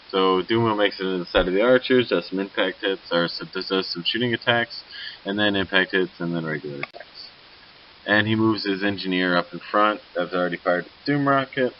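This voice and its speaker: Man, low pitch, sleepy and loose; casual game-recap narrator, muffled hissy recording. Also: brisk. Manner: rambling, loose, self-correcting. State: sleepy, yawning. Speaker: tabletop wargame player. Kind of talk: casual battle report narration. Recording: dull lo-fi recording with faint hiss.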